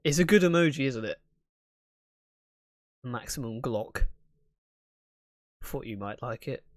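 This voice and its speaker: A man's voice: medium pitch, lively intonation, takes it slowly, no echo. A young man chats casually on a live stream. His manner is playful and full of banter, picked up by a close desk microphone. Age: young adult. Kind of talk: casual chat with stream viewers. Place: small home room.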